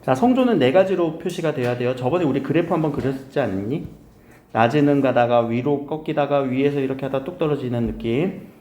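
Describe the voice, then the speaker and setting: A man teaching grammar in a casual recorded lecture, often quizzing his students with quick questions. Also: mid-range voice, warm tone. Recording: echoey room.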